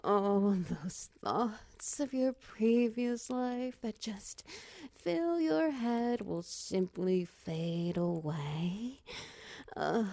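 A woman performing an intimate audio roleplay, speaking slowly and softly with a teasing manner that often drops into whispers. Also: mid-range voice, animated, dry recording. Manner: slow, soft and teasing, dipping into whispers.

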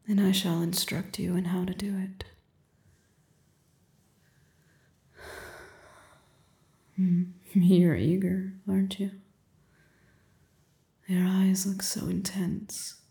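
Casting: an imperious, seductive queen played by a woman, flat, mellow, slow delivery with frequent whispers, roomy echo. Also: mid-range voice. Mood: sultry, commanding. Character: commanding, seductive adult queen on her throne. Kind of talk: audio roleplay.

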